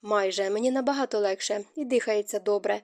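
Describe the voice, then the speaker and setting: A woman's voice: medium pitch, brisk, a little mellow, close to an everyday voice. Woman reading a fragile, tearful young noblewoman. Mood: weak. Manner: weak, pleading, tearful.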